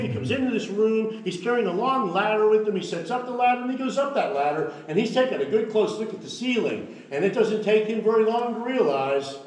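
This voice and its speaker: A man leading a cave tour, telling the story in a folksy, joking way and calling his group folks and guys, his voice ringing in cave echo. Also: high-pitched. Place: inside a large cave. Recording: cave echo, voice far from the mic, faint noise.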